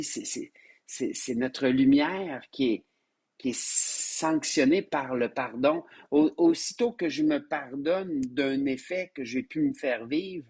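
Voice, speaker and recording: Hoarse from a sinus infection, this spiritual teacher with a Québécois French accent leads a lesson over a live stream in a voice on the high side. He affectionately addresses his listeners as his loves, while frequently repeating words and starting over.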